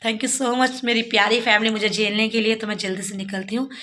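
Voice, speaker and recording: Woman, middle-aged, from Jammu, bright higher voice, sore throat, earnest pleading vlog talk. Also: level tone, moderate pace. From Jammu, India. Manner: earnest, pleading, addresses viewers directly. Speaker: devotional vlogger. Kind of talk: casual devotional vlog talk.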